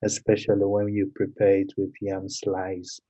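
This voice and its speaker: A young man with a Ghanaian accent, a guest in a podcast interview, speaking in a measured way with frequent pauses and fillers. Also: deep voice, monotone, mellow, highs cut off. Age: young adult.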